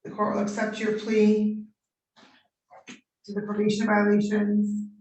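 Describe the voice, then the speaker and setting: A woman's voice: medium pitch, monotone, darkish tone. Woman judge in a courtroom recording. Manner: measured, procedural questioning. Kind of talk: formal court proceedings. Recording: roomy courtroom audio from a distant mic.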